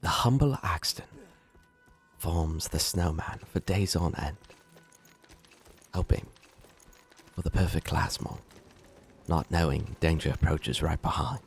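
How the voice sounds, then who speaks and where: A man's voice: rumbling low, takes it slowly, vocal fry, long pauses, soft background music, exaggerated voice. A man playing a solemn nature documentary narrator in a vague put-on accent.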